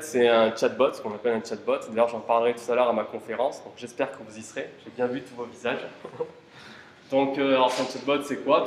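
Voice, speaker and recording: A conference speaker gives an informal talk at a tech conference, throwing rhetorical questions at the audience and dropping casual fillers. His voice is medium-pitched, with a little hiss or hum on the recording. The setting is a conference room, a roomy hall with faint ambience.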